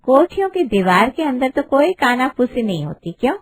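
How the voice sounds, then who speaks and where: A woman's voice: high voice, sing-song, moderate pace, voice pushed up, exaggerated voice. A woman playing a nosy gossiping cartoon auntie. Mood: sugary. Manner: sugary, teasing and prying.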